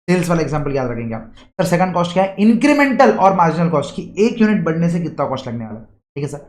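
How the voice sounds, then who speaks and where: A man's voice: fairly high pitch, echoey room. A man giving an exam revision lecture, who keeps asking rhetorical questions and uses everyday examples. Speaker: teacher.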